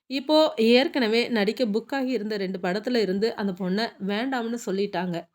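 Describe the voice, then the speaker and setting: A woman's voice: on the high side, moderate pace, lightly acted. A woman reading the lines of a talkative, joking young man who works on a film set, in a Tamil audiobook. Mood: chatty. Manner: long-winded, joking. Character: chatty young male film-set assistant.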